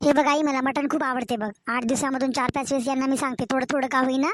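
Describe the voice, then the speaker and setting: A woman's voice: sits high, fairly even intonation, slight background noise, close to an everyday voice. A woman voicing a scheming, sweet-talking young married daughter in a cartoon story, chatty and coaxing. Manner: chatty, coaxing, drawn-out village-style talk.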